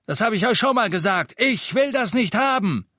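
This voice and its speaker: Gruff older male innkeeper wizard, bellowing, defiant. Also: medium pitch, expressive, slow, no echo, studio quality. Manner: bellowing, scornful.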